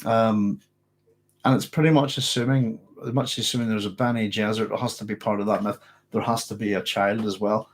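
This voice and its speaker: A man who hosts a science fiction channel runs a late-night live Q&A, answering viewers' questions in a loose, rambling, conversational way and correcting himself as he goes. His voice is fairly low, steady and a little fast, with slight background noise.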